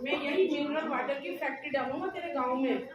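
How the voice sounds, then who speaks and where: A woman's voice: high voice, brisk, natural voice. A woman voicing a boastful rich businessman who talks down to others, in a story told aloud in an echoey room. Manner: scornful, showing off. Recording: echoey room from far off, noisy.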